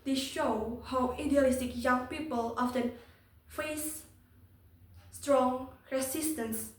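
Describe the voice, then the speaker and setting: High-voiced young Indonesian woman, stiff memorized speech. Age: young adult. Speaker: speech competition contestant. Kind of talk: prepared competition speech. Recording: echoey room, distant microphone.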